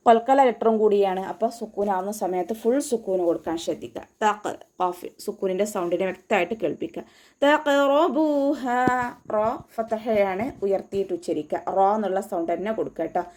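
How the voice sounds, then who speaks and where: Her voice medium-pitched and mellow, a woman instructs an online recitation class, carefully explaining sound after sound and chanting slowly as she goes.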